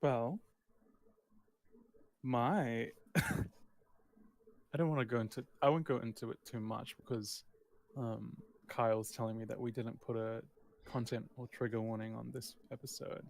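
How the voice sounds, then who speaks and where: Candid man with a gravelly voice. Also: mid-range voice, fairly even intonation, unhurried, pauses often. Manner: candid, self-interrupting. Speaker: podcast co-host. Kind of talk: casual chat.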